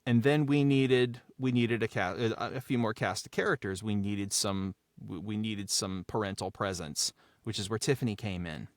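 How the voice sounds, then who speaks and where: With a voice on the low side and a normal pace, this podcast creator and writer talks casually about what goes on behind the scenes. He's enthusiastic and effusive, repeating phrases to stress them. The studio-quality recording is dry.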